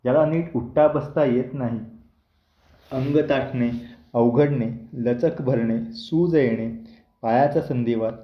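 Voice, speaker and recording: A man reading a Marathi translation of a devotional text, going through a long list in a plain, even manner. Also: mid-range voice, measured pace. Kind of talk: steady recitation of a list. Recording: dull roomy home recording.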